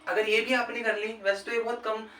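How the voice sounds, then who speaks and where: Man, high voice, casual fitness coaching, echoey room, off-mic. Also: level tone, a little fast, pushed and bright. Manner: chatty, keeps saying "brother" and "okay". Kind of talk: casual instructional vlog. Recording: echoey, distant, faint background noise. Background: faint ambient sound, a TV match playing.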